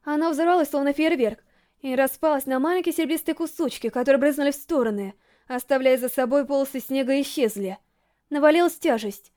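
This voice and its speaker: A high-voiced woman narrates a first-person novel as an audiobook, speaking quickly. Her storytelling is dramatic and full of emotion.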